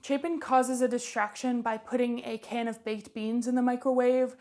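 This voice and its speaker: A woman's voice: on the high side, little pitch movement, normal speed, a little mellow. A woman vlogger recapping a movie in a chatty, offhand way.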